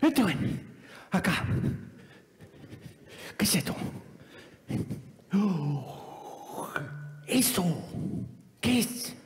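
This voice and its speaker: A man performs a comedy sketch, teasing his partner in slang and bursting into exclamations. His voice sits very high and swings wildly, and he drawls slowly. The sound rings in a reverberant hall with faint music behind. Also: very animated. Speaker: comic performer. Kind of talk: playful comedy sketch banter.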